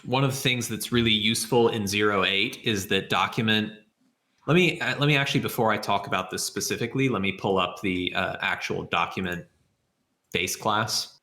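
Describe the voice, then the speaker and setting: A man who is a software developer answering questions in a live session, thinking aloud and explaining things step by step. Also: lowish voice, normal speed, echoey room. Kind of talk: live Q&A with screen demo.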